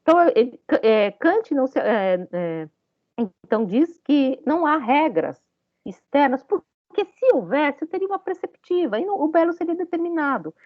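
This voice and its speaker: A woman's voice: high voice, very animated, moderate pace, dry recording. Woman lecturing over dull audio. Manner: discursive, many hesitant fillers, asks students questions. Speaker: university lecturer.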